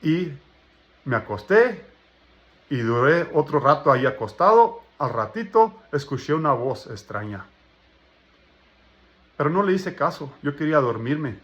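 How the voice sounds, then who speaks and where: A man recounts his religious testimony with deep feeling, his fairly high voice rising and falling animatedly as he acts out the people in his story. The recording is muffled and lo-fi. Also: very animated, a little slow, pauses often, a bit bright. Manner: emotional storytelling, acts out dialogue. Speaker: believer giving testimony. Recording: dull lo-fi recording.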